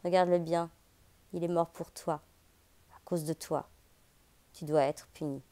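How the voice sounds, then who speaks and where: A woman's voice: low-pitched, steady tone, unhurried, dark tone. A woman reading the lines of a stern, solemn man who gives commands in an audiobook. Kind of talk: audiobook character voice.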